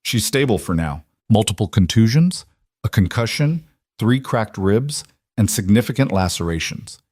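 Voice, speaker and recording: A man voicing a tall, exhausted male doctor giving a brisk clinical update in a read-aloud story. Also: fairly low pitch, expressive, darkish tone, dry recording, clean studio sound.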